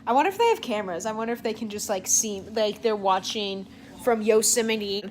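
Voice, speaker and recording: Young female vlogger, mid-pitched, rambling casual chat, faint hiss behind. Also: fairly quick. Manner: rambling, self-deprecating, with many fillers.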